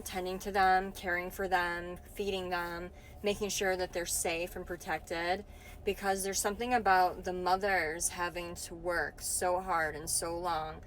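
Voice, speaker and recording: A woman's voice: fairly low pitch, a bit bright, a little hiss or hum. A woman casually recounting a dream in a hesitant way, searching for words and often saying "like". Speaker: vlogger.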